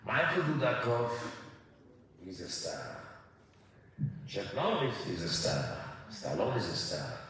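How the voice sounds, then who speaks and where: A man doing a gruff, dismissive film boss. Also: medium pitch, fairly bright tone. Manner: blunt, dismissive, in English. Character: gruff male film boss lecturing a hopeful. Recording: echoey hall, far from mic, noisy.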